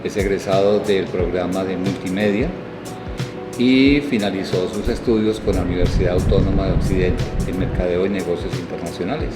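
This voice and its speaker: A Colombian man, a design program director, answering interview questions in a reflective way, pausing with fillers. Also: low voice, fairly even intonation. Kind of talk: conversational interview. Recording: echoey hall with music.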